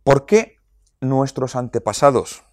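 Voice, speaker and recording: A man explaining child rearing to parents in a lively way, asking rhetorical questions and acting out quotes. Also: medium pitch, slow pace, dry recording, clean studio sound.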